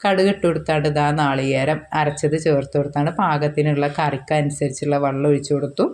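A woman's voice: low voice, fairly even intonation, fast talker. A woman from the region with a cold and sore throat, chatting casually to viewers while cooking in her home kitchen, filmed on a handheld phone. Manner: chatty, warm address to viewers as friends, frequent tag words. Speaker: vlogger, mother.

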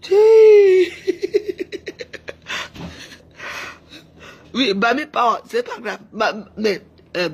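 A woman's voice: mid-range voice, lively intonation, normal speed, husky. A woman, delivering a heated, taunting rant to her camera, repeating her jabs. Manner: heated, taunting, repetitive shouting. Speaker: social media personality. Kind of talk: angry insulting rant to camera.

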